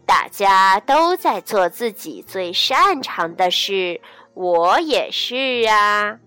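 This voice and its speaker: A woman voicing a sleepy, unbothered male sloth, talking in a drowsy, drawn-out, calm way in a children's storybook. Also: mid-range voice, clear, resonant tone, voice pushed down.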